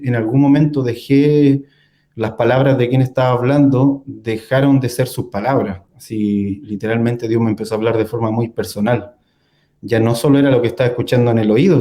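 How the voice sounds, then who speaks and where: A young man recounts a personal experience as a guest in a conversation. His voice is warm and dark in tone, and his pitch sits in the middle range. He talks loosely, with many fillers and short laughs. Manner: storytelling with frequent fillers and laughs. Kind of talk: casual testimony in a conversation.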